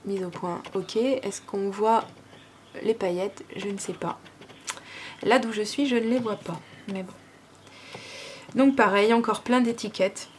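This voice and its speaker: A woman's voice: medium pitch, measured pace, long pauses, a little mellow. French woman vlogger, gushing unboxing chat, lots of fillers, faint hiss behind. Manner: gushing, chatty, many fillers.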